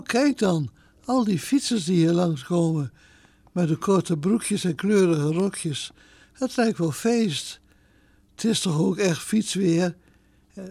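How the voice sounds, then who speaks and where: A woman's voice: lowish voice, mellow, slightly rough, no echo, heavily acted. A woman voicing a daring, headstrong female cow in a children's story, chatting eagerly.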